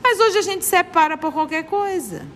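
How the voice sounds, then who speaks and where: Earnest high-voiced woman leading a study. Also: expressive, normal speed, fairly bright tone, in a large hall, slight background noise. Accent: Brazilian Portuguese, Manaus. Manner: earnest, moralizing, repeats points for emphasis. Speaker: study group leader. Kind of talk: spiritist study lecture.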